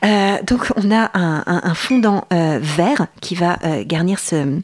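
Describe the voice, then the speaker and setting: A woman presents a food chronicle, her voice a bit husky and breathy. She tells pastry history with lively enthusiasm, often pausing on fillers and restarting her phrases. The sound is dry and close. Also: fairly low pitch, no echo. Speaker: food columnist. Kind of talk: radio-style food chronicle.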